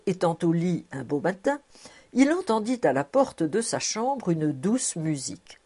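Expressive woman reading a novel aloud. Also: lowish voice. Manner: expressive, storytelling. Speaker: audiobook narrator.

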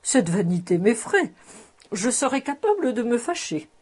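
A woman's voice: a little high, moderate pace, breathy edge, voice pushed up. A woman reading aloud, voicing a jovial, teasing man fond of good living. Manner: teasing, lively. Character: jovial teasing male bon vivant.

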